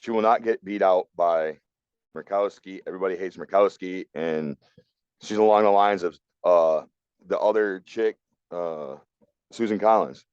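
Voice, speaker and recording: A man's voice: deep voice, moderate pace, a little mellow, clear, resonant tone, no room sound, muffled recording. A man co-hosting a podcast, talking through politics in a blunt, opinionated way. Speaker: podcast co-host. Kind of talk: casual political talk.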